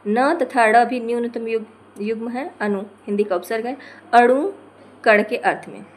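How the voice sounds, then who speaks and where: A woman teaching a lesson, reading from notes, slowing to spell out example words and correcting herself as she goes. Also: on the high side. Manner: corrects herself mid-phrase.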